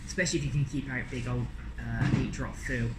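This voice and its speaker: A man's voice: mid-range voice, steady tone, fast talker. A man giving casual, sweary, blunt commentary on a card game in an informal chat. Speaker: card game box opening presenter. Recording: echoey room with constant background noise.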